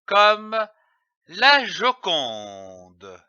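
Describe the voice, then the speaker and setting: A man leads a reading lesson for young children, over-articulating each sound and spelling syllables letter by letter. His delivery is very slow, and his voice is bright and lively. The recording is dull and lo-fi, with a dry, close sound. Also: sits high, smooth, dry recording. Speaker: reading teacher.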